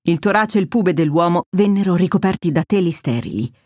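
Woman audiobook narrator, measured storyteller, dry close studio sound. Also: fairly low pitch, a little mellow, dry recording. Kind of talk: scripted narration.

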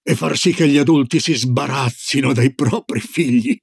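Old Norwegian grandmother, read by a man: low, slow, ominous storyteller, gravelly and dry. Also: no echo. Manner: slow, low, solemn warnings.

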